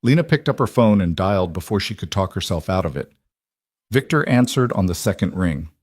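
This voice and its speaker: A man narrating a romance story in a measured, even way. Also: low-pitched, no echo.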